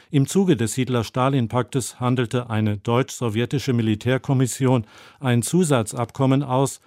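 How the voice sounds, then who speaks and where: A man reading a scripted radio book review in a sober, measured way. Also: medium pitch, darkish tone, no echo, studio quality. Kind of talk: scripted narration.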